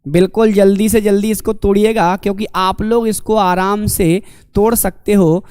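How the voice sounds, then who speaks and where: A man's voice: high-pitched, steady tone, moderate pace, darkish tone, smooth, no room sound, studio quality. A man teaching an online exam-prep lecture, asking the class questions and answering them himself, calling the students his dear companions.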